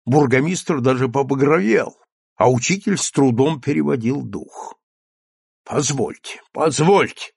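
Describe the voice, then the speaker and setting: A man narrating a literary story as an audiobook reader, expressive and measured. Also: mid-range voice, vocal fry, breathy edge, no room sound, clean studio sound.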